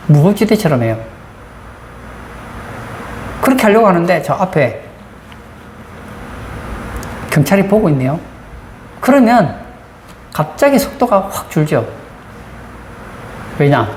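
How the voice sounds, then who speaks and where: A woman pastor speaks in a low, darkish, sing-song voice, a little slowly and with long pauses, asking the congregation frequent rhetorical questions during her sermon. The church sanctuary gives roomy acoustics, with faint background noise.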